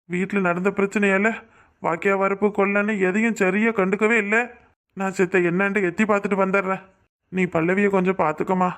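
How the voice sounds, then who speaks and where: A man voicing a stern, worried village farmer and husband in a cartoon, with a gruff, scolding manner. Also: high voice, fairly bright tone. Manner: gruff, scolding, then troubled. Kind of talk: cartoon voice acting.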